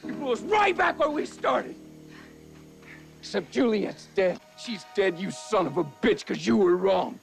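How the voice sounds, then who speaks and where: An actor playing a grieving man who shouts bitter accusations at another man. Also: sits high, expressive, a little slow, vocal fry, faint music behind, full character voice. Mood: furious. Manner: yelling, bitter.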